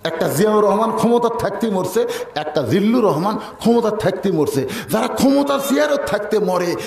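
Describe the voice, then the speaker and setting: A man giving a humorous sermon at a religious gathering, chanting slogans loudly and acting out village characters. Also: high-pitched, expressive, a little fast, creaky, roomy sound. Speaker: preacher.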